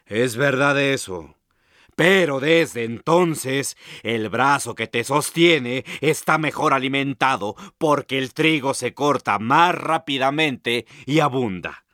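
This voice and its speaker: A calm female sickle answers patiently, read by a man. The delivery is slow and measured with a bright timbre. The recording is close and dry. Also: mid-range voice, dry recording. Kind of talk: storybook narration.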